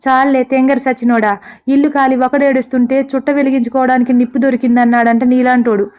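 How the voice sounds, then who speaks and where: A woman's voice: high voice, little pitch movement, quick pace, darkish tone, natural voice. A woman voicing a short-tempered rich woman who scolds sarcastically, in a comic storybook. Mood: scolding.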